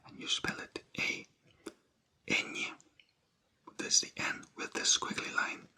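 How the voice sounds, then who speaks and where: Whispering breathily for an ASMR vocabulary lesson, the language teacher goes slowly with a sharp tone. Each word gets repeated and spelled out letter by letter.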